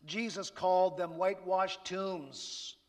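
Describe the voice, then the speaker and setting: A man's voice: high voice, steady tone, slow. A man preaching a sermon in a conversational way, with rhetorical asides to the congregation. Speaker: pastor. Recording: reverberant hall.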